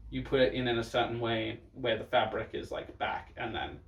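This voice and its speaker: A man's voice: mid-range voice, flat delivery, moderate pace, gravelly, a little hiss or hum. A man with a sassy, campy drag queen manner giving casual, blunt reaction commentary. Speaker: drag performer reviewing looks. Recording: roomy echo, distant microphone.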